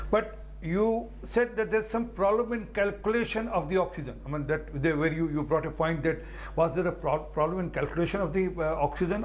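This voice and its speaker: A man with an Indian accent debating on TV as a party spokesperson, emphatic but halting and repeating himself. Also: fairly high pitch, slight background noise. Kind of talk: spontaneous political TV debate.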